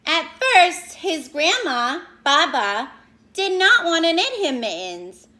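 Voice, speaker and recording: A woman with a very high-pitched voice reads a picture book aloud to young children, expressive and teacherly, stopping to explain things and ask questions.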